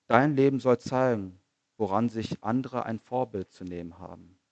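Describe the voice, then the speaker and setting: A man preaching a sermon in an earnest manner, asking rhetorical questions, repeating phrases and slowing down on key lines. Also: mid-range voice, dry recording, dull audio.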